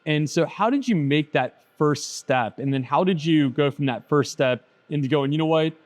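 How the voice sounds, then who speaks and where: A man's voice: on the high side, normal speed, a little mellow. A man hosting a casual interview show, enthusiastic and loose, calling his guest "bro" and "dude". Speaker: podcast host.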